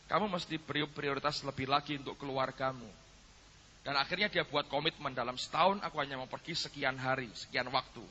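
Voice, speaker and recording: A male pastor preaching a sermon, telling a personal story and swinging from soft asides to loud, emphatic preaching. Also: fairly high pitch, slight background noise. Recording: echoey hall, dull lo-fi sound.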